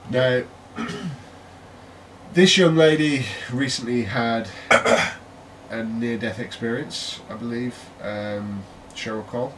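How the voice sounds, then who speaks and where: This man, a British co-host on a laid-back tech podcast, has a mid-range, fairly bright voice and takes his time. He's chatty and playful, often laughing as he talks. Faint noise comes through a distant mic.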